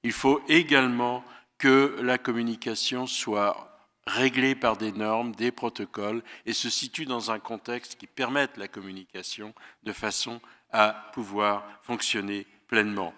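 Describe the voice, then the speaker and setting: A man's voice: medium pitch, steady tone, measured pace, sharp tone. An older man gives a public lecture, talking thoughtfully with many fillers and a dry sense of humor. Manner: thoughtful, hesitant with frequent fillers, wry humor. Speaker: guest lecturer. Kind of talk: public lecture, paraphrased from notes. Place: auditorium. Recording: reverberant auditorium.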